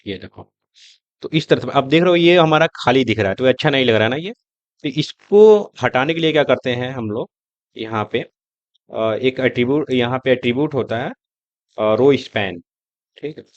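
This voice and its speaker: A man's voice: mid-range voice, normal speed, no echo, highs cut off. Man explaining code while he types. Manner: conversational, explaining step by step while typing. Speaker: coding tutor. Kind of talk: screen-recorded coding tutorial.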